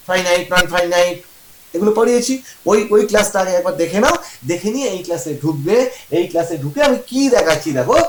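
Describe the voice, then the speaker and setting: Male teacher, lively and high-pitched, keeps quizzing the class, echoey room. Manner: asks the class questions and answers them himself, repeats examples slowly. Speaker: English teacher. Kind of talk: classroom-style grammar lesson.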